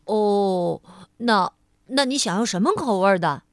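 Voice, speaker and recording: Brief: a woman playing a puzzled but patient butcher man in a storybook, slow and firm. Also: mid-range voice, animated, dry recording, studio quality. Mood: correcting.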